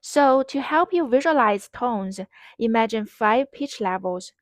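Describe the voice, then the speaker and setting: A woman teaching a pronunciation lesson, explaining patiently and modeling each sound clearly. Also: on the high side, animated, no room sound, clean studio sound. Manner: slow, patient, clearly enunciated instruction with modeled drills. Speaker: Mandarin teacher.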